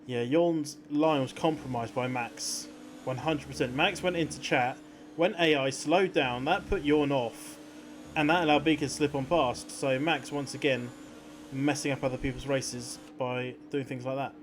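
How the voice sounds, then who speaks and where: A man's voice: mid-range voice, steady tone, normal speed, noisy background. A man working as a motorsport commentator, giving conversational analysis of the race. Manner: motorsport commentator explaining incidents and strategy.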